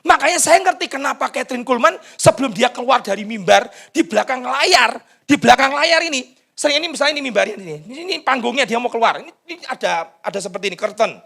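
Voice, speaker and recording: A pastor delivering a charismatic sermon, swinging from shouted pleading to hushed whispers. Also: male voice, very high voice, lively intonation, quick pace, gravelly, hardly any pauses.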